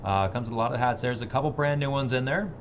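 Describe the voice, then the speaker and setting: A man runs a live auction in an average-pitched voice. His auctioneer's chant repeats numbers, and his talk is informal and plain. There is faint noise behind him. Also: fast talker, dull audio.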